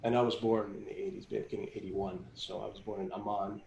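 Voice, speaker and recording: A man around forty, originally from Jordan, talking about his life in a rambling, halting interview manner full of restarts. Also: fairly low pitch, level tone, vocal fry, darkish tone, a little hiss or hum. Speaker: classical guitarist guest. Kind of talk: casual interview chat. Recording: roomy echo.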